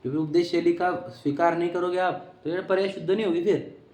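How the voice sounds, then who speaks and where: A man's voice: sits high, steady tone, fast, darkish tone. A man giving an explanatory religious lecture on philosophy, often asking his listeners whether they follow. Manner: keeps checking that listeners follow. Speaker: teacher of Jain philosophy. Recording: echoey room.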